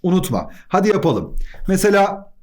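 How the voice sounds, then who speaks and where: Lively, high-voiced man teaching grammar. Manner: quizzes himself in quick question-and-answer steps; playful asides. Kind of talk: exam-prep grammar lesson.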